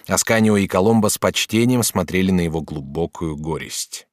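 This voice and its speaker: A man narrating an audiobook novel with expressive storytelling. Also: low voice, moderate pace, dry recording, clean studio sound. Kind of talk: scripted narration.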